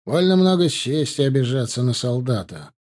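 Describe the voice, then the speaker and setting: A man's voice: mid-range voice, very animated, moderate pace, a little mellow, close to an everyday voice. A man voicing an irritable army captain with a scornful, short-fused way of talking. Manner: scornful, raised voice in outbursts. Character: irritable male army captain, snide and quick-tempered.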